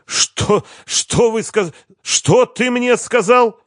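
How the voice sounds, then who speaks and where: Man playing a ranting boss, high strained voice, shouting threats, dry sound. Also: very animated, normal speed, dry recording. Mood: furious. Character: bullying blustering male company boss.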